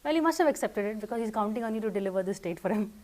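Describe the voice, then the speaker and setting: A woman's voice: mid-range voice, expressive, rapid-fire, a little mellow. A woman with an Indian accent hosting a political TV interview, asking probing questions in a conversational way. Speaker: TV interviewer and host.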